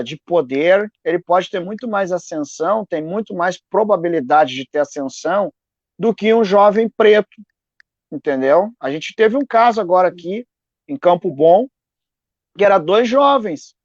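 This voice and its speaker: A man speaks earnestly on a live video call from home, often restarting phrases and asking "né?". His voice sits fairly high for a man and sounds dry and close. The stream audio is dull and lo-fi. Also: dry recording. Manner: earnest, repeats words, frequent "né?". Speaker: activist guest. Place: home in a neighbourhood.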